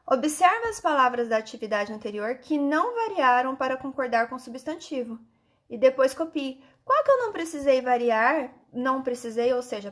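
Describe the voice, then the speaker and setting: Teaching children online, a Brazilian woman with a rather high-pitched voice works through textbook exercises with them. She explains instructively and often stops to confirm they understand.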